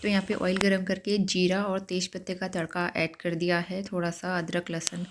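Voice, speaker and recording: Vlog voice-over, woman, calm step-by-step narration, slightly low voice. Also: moderate pace, a little hiss or hum. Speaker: home vlogger.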